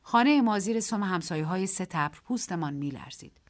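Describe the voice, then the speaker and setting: A woman narrating a short story on a radio program in a measured, expressive way. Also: fairly low pitch.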